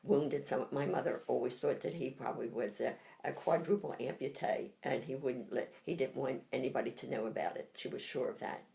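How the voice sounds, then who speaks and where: An older woman with a Philadelphia accent, recalling a painful family memory in an interview, halting and tearful. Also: rumbling low, creaky, warm tone. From United States. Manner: halting, reflective, emotional. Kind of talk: personal recollection interview.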